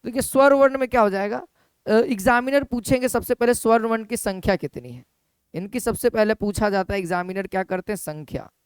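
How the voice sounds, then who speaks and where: A man's voice: sits high, fairly quick, clear, resonant tone, dry recording, studio quality. A man teaching an exam-prep lesson, repeating key points and putting questions to his students.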